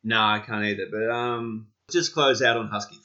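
Aussie bloke cohosting a podcast, lowish voice, casual chat, bit muffled lofi sound. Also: male voice, steady tone, normal speed, pushed and bright. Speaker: podcast co-host. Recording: dull, lo-fi sound.

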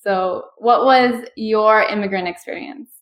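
A woman in her thirties hosts a conversational podcast interview, asking chatty questions and thinking aloud with fillers. Her mid-range voice is fairly bright and a little slow.

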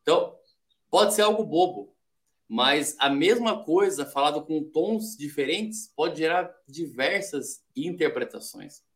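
A man's voice: a little high, animated, unhurried. A man from Brazil, a podcast guest in casual chat, explaining ideas step by step and acting out little quoted examples. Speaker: podcast guest, sales development rep.

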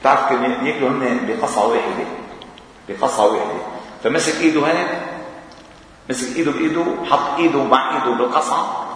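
A man with a Levantine Arabic accent preaches in a casual, conversational way, often chuckling and tossing out questions to his listeners. His voice booms around a large, echoing hall with a long reverb tail. He sounds set back from the microphone. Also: quick pace, long pauses, fairly bright tone. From Lebanon. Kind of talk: informal mosque talk. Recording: echoey hall, mic far off.

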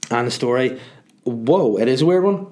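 A male podcast host with a snuffly, cold-affected voice at a middling pitch. He talks off the cuff in a blunt, rambling way, swearing freely as he works through listener questions. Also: animated, moderate pace, a little mellow. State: sniffly with a head cold. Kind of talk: casual solo chat answering listener questions.

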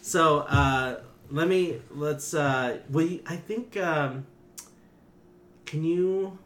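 A man's voice: fairly high pitch, drawn-out words, a bit bright, echoey room. A man co-hosting a podcast in casual chat, laughing often and hesitating with fillers. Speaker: podcast co-host.

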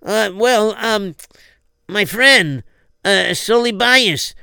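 A man's voice: high voice, very slow, vocal fry, pushed and bright, smooth, no echo, studio quality, exaggerated voice. A man playing an anxious father who rambles and stammers through his story. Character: anxious, flustered father pleading for help.

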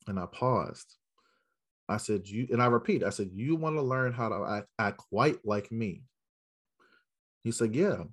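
A man's voice: on the low side, lively intonation, measured pace, long pauses. Emphatic American man telling stories. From South Central Los Angeles, United States. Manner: emphatic, addresses listeners directly, rhetorical questions. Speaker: educator and school mentor, podcast guest. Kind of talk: storytelling interview answer to a live audience.

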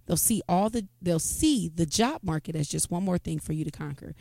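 A woman co-hosting a casual podcast chat, laughing often and acting out quoted lines in a higher voice. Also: lively intonation, moderate pace, vocal fry, warm tone, no room sound. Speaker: podcast co-host.

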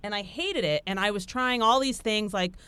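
A woman hosting a podcast, telling stories in a lively casual chat with lots of fillers. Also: medium pitch, normal speed, clean tone, no echo. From Italian heritage. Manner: animated, storytelling with frequent fillers. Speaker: podcast host. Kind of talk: casual conversation.

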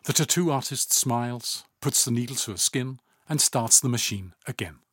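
A man reading a story aloud in calm, even scripted narration, often low and hushed. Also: moderate pace, husky, no echo, studio quality.

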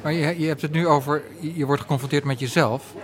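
A man's voice: on the high side, steady tone, crowd noise. A man hosting, asking probing questions and introducing clips. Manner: probing, measured. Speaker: host. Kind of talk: interviewing and presenting.

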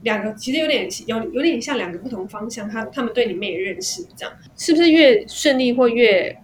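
A woman with a Taiwanese Mandarin accent, hosting a casual podcast and asking gentle, probing questions. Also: fairly high pitch, animated, brisk. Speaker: podcast host. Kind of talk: casual interview chat. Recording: faint background noise.

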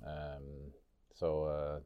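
A man from Norway speaks with a Norwegian accent in a very deep, dark, monotone voice, drawing out his words; the tone is clear and resonant, though the recording is dry and the audio dull. As an interview guest he reflects on personal experience, hesitating and repeating words while finding his phrasing.

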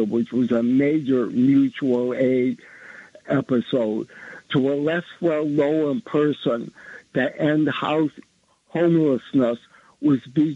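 A man phoning in to comment at length, speaking in deliberate, halting phrases over a phone line. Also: medium pitch, breathy edge, no echo. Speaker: call-in listener. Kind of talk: unscripted call-in commentary on history. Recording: thin, tinny phone line, dry.

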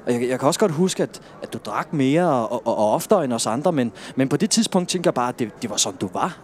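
A man's voice: medium pitch, lively intonation, natural voice. An actor playing a concerned, earnest male friend who hesitates and stumbles over false starts. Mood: worried. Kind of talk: film drama acting.

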